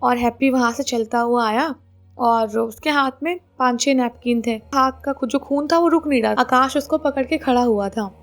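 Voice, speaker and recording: A woman's voice: sits high, normal speed, soft background music. A woman narrating a spooky story in a conversational way, mixing English words into her telling.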